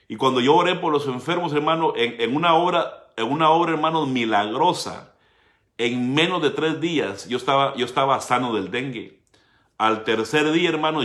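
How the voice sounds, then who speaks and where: Male pastor, sermon delivery, roomy hall sound, emphatic with sudden quiet asides. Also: medium pitch. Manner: preaching with frequent direct address to the congregation; dramatic shifts between loud emphasis and hushed asides.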